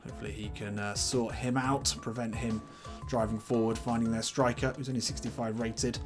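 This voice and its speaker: Speaking quickly in a medium, flat voice, this gaming YouTuber gives casual play-by-play on a football video game. Background music runs underneath as he chats and reasons out loud about his team selections.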